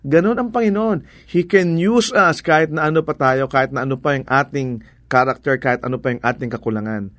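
A man's voice: medium pitch, brisk, a bit bright, no echo. A man with a Filipino accent preaching a sermon in a conversational way, slipping English into his talk and asking rhetorical questions.

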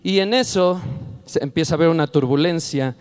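A man with a somewhat high voice preaches a sermon. He moves from easy, conversational storytelling to fervent calls to the congregation. Faint music plays underneath. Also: normal speed, clear, resonant tone.

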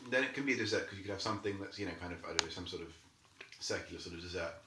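A man playing a quiz game, thinking aloud hesitantly, with many pauses and fillers. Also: low voice. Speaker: quiz contestant. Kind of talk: casual game chat. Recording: echoey room, faint noise.

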